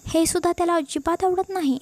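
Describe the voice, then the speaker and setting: A woman voicing a kind old grandmother who heads the family and talks gently with mild teasing. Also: very high voice, fast, pitched above the performer's own voice. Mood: affectionate. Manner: gentle, affectionate, mildly teasing.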